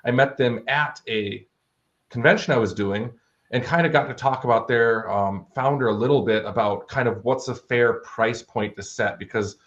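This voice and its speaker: Here a guest author and audio drama producer tells stories in a relaxed, conversational interview. His voice is medium in pitch and slightly bright, moving at normal speed, captured on dull, lo-fi audio.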